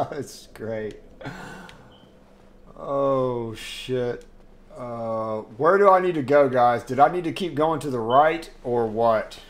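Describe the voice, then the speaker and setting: This is a slow-talking man with a mid-range voice, commentating a game live from his desk at home. He addresses his chat directly, swears, and is quick to get heated.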